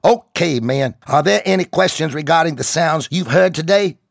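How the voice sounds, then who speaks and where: A man voicing a loud, commanding army drill sergeant who barks orders and swears. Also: on the high side, expressive, moderate pace, creaky, no room sound, studio quality, pitched above the performer's own voice. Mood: instructing. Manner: barking, commanding, profane.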